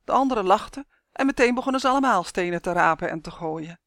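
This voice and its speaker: A woman narrating a children's storybook with lively expression. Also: medium pitch, fast talker, dry recording, clean studio sound. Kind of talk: storybook reading.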